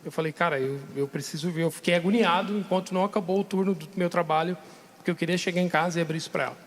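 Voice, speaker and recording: A man's voice: high voice, steady tone, rapid-fire, long reverb tail. A man telling a candid, emotional personal story on a live podcast. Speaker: podcast guest sharing testimony. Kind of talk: casual testimony. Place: radio studio.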